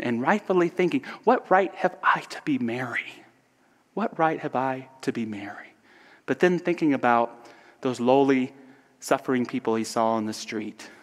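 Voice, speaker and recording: Man with a mid-range voice, soft and earnest, giving a reflective spiritual talk in a long-reverb hall. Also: medium pitch. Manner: soft, earnest, drops to whispers. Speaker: speaker.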